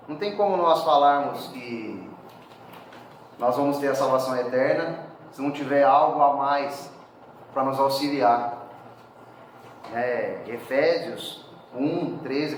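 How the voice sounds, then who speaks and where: Preacher in a very echoey hall. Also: male voice, mid-range voice, a little hiss or hum. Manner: conversational, often adds tag questions. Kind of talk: sermon. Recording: very echoey hall, speaker far from mic.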